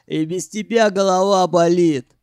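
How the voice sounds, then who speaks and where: A man voicing a rough, crude male captive who shouts and swears. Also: sits high, a little slow, no room sound. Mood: angry, shouting.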